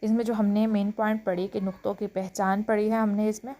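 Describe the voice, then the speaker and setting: A woman with a Pakistani Urdu accent teaching Quran reading, reciting letters one by one in a patient, drawn-out way and checking in often. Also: mid-range voice, little pitch movement, mellow. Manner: patient, drawn-out letter names, frequent "theek hai" check-ins. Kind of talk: slow classroom lesson reciting letters.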